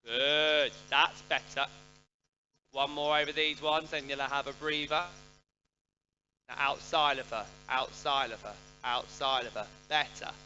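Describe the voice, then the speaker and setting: A man coaching riders live, calling out brisk, projected short commands and corrections. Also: medium pitch, fairly even intonation, sharp tone, muffled recording, soft background music. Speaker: riding coach giving a jumping and pole clinic. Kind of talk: live riding instruction to pupils.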